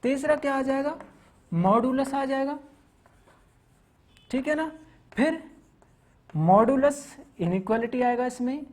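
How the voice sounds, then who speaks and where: Speaking at an extremely high pitch with a darkish tone, this maths lecturer moves slowly and leaves long pauses. He walks the class through topics one step at a time, lists them, uses English terms, and keeps checking in with "theek hai na."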